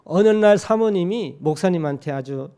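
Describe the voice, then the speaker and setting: A man's voice: sits high, expressive, moderate pace, warm tone, smooth. Folksy man preaching a sermon. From Gyeongsang region, Korea. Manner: folksy, joking asides, asks the congregation questions. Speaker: pastor. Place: church sanctuary.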